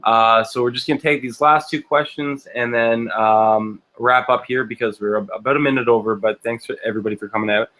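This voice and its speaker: A man hosts a live interview and stumbles through his wrap-up with many ums and uhs. His voice sits at a mid pitch. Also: fairly even intonation, a little fast, hardly any pauses, a bit bright. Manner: hesitant, filler-heavy. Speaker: host. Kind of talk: livestream interview.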